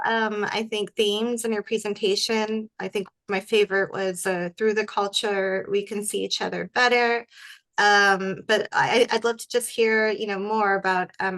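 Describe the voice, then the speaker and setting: A woman's voice: medium pitch, fairly bright tone, poor audio. Woman moderating a webinar panel.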